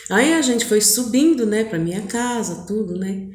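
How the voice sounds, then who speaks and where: A woman's voice: medium pitch, lively intonation, normal speed, darkish tone. A middle-aged Brazilian woman telling a personal story in a chatty, meandering way, full of little fillers. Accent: Brazilian Portuguese. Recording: roomy echo.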